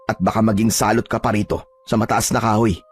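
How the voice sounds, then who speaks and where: A man with a lowish, level, fast voice narrates a first-person horror story. He delivers his own lines bluntly and warily in a tough, streetwise manner, breaking in with short laughs.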